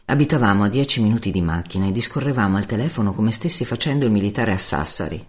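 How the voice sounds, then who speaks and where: Wry man narrating with lively pitch. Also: quick pace. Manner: wry, laconic storytelling. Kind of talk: first-person audiobook narration.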